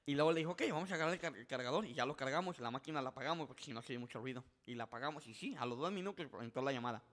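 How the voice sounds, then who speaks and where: Animated man telling a story. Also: medium pitch, racing. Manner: animated, acts out quoted voices, frequent restarts. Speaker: podcast guest. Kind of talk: casual storytelling.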